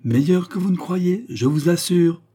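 A man voicing a composed, politely ironic French gentleman in a storybook reading, with a mellow, husky voice. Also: high-pitched, unhurried, voice pushed up. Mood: calm courtesy. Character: calm, courteous French gentleman.

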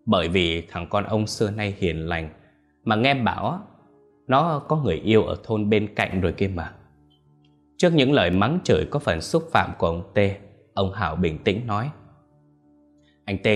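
A man tells a ghost story in a low voice, his pitch moving in lively, expressive swings. Faint music plays beneath his narration.

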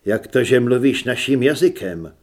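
A cold, commanding conquistador lord, voiced by a male audiobook reader, barks short orders. His voice swings widely in pitch, clipped and sure of his power. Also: expressive, close to an everyday voice. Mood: demanding. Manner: curt, commanding. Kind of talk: audiobook character reading.

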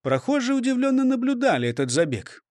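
A man with a high, very lively voice reads a children's story aloud, animating each scene. The sound is close and dry, with no room around it. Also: a little fast, no room sound. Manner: expressive, animated reading.

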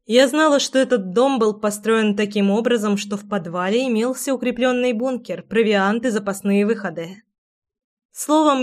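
A woman narrating a first-person romance audiobook, reading in an expressive, emotive way. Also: medium pitch.

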